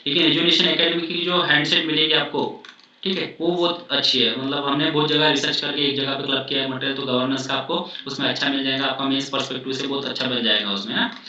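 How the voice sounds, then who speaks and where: Fast and sharp-toned, this male coaching teacher's mid-range voice stays fairly even as he gives repetitive, reassuring study tips, frequently mixing in English. His sound is dull, captured from a distance in an echoey room.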